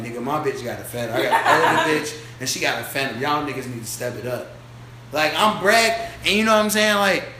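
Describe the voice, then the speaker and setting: A man in his twenties chatting casually on a podcast, telling stories in a loud, animated, slangy and profane way. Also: fairly high pitch. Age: 20s. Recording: echoey room with faint ambient noise.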